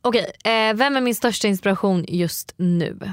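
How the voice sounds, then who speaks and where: A woman's voice: mid-range voice, clear, resonant tone, no echo. Young woman gabbing with her friend, jumps into quoted voices, dry close mic. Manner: lively storyteller, acts out quotes with "jag bara". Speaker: podcast co-host. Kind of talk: casual chat between friends.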